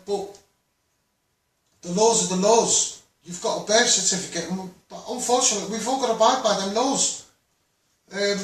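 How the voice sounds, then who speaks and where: His voice high and a bit bright, this Scouse-accented children's rights campaigner gives online viewers a blunt, impassioned, meandering monologue full of repetition. The recording puts him far from the mic in a very echoey room.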